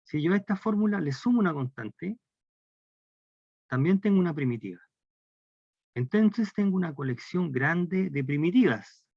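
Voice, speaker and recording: The lecturer, a man with a Chilean Spanish accent, teaches calculus step by step and poses questions to his class. His higher voice is expressive, at normal speed with frequent pauses. The recording is dry, dull and lo-fi, with no room sound.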